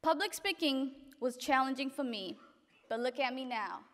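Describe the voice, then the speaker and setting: High-voiced young woman reading a speech. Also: a bit bright, slight background noise. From Africa. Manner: earnest, reading from notes, halting restarts. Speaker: graduate giving a speech. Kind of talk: reading a prepared graduation speech. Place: event hall, indoors. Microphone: podium microphone. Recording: reverberant hall.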